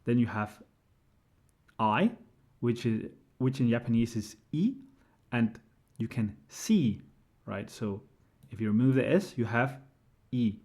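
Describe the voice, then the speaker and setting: A man's voice: mid-range voice, expressive, slow pace, long pauses, warm tone. A man giving a casual screen-share tutorial, explaining step by step and often checking in with "right?". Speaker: language tutor.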